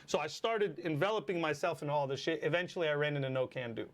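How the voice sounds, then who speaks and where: A Lebanese man in his forties, appearing as a battle rapper guest, tells stories in a casual chat with a Lebanese accent. He speaks quickly in a voice on the high side, animated and full of swearing and fillers.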